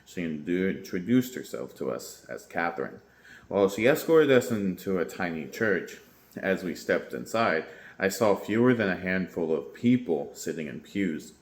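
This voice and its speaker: This deep-voiced YouTuber reads from a book at normal speed, keeping a steady rhythm though he trips over lines and fixes them as he goes. The room has a noticeable echo, and he follows the reading with some casual commentary.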